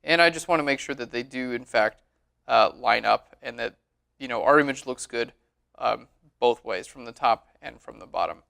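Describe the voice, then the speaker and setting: A man giving a relaxed, chatty screen-recorded tutorial on photo editing, often saying "all right". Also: mid-range voice, moderate pace, creaky.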